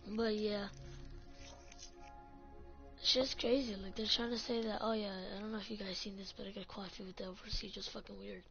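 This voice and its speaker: A woman's voice: mid-range voice, fairly even intonation, brisk, vocal fry, pauses often. A woman ranting in a casual vlog about her gaming clan, swearing often and saying "like" a lot. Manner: ranting, profane, full of "like". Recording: dull lo-fi audio, faint music.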